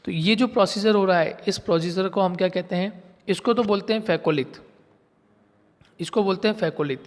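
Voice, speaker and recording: A male geography teacher with a fairly high voice, explaining step by step. He often repeats key terms and asks questions that he then answers himself. The sound carries a long, lingering reverb. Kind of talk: classroom lecture.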